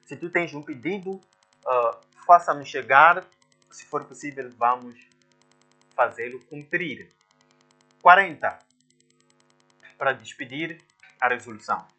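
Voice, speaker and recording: A man's voice: mid-range voice, measured pace, long pauses, bright, forceful tone, faint music behind. A man, working through exam answers as a teacher and sounding out syllables step by step. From Mozambique. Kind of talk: exam walkthrough lesson.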